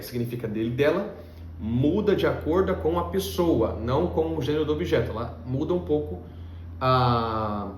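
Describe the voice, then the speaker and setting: Slow, patient man teaching in a roomy space. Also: mid-range voice. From Russia. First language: Russian. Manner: patient, step-by-step explaining with frequent check-in questions. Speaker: Russian language teacher. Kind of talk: explanatory language lesson. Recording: roomy echo with faint background hum.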